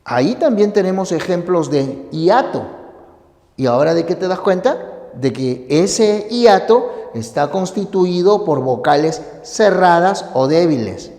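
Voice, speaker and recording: Slow-paced teacher in an echoey room. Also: medium pitch, dark tone. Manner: slow, deliberate explanation with rhetorical questions. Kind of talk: recorded grammar lesson. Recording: echoey room with long reverb.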